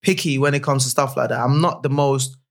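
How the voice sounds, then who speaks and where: A man's voice: mid-range voice, steady tone, a little fast, creaky. A man with a London accent co-hosting a podcast, chatting casually in slang with frequent checking tags. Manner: repeats tags like "you know what I mean". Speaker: podcast co-host.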